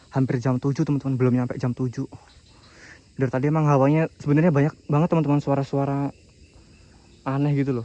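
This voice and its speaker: A man's voice: medium pitch, warm tone, muffled recording. A man chatting casually to viewers as host of an outdoor night camping vlog. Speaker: host of a camping horror channel. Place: outdoors at a night campsite under bamboo. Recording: clear night insect noise around voice. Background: crickets and insects.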